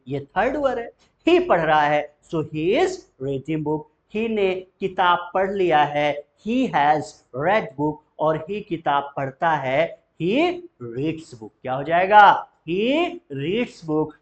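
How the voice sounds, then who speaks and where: A man's voice: on the high side, dull audio. A man teaching a spoken English lesson, drawing out model sentences and quizzing the listener with repeated questions.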